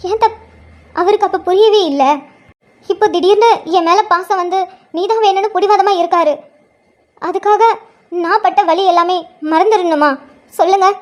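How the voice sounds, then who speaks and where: A woman's voice: high voice, close to an everyday voice. A woman voicing a hurt young mother who speaks emotionally and tearfully but stands firm. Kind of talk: cartoon drama voice acting.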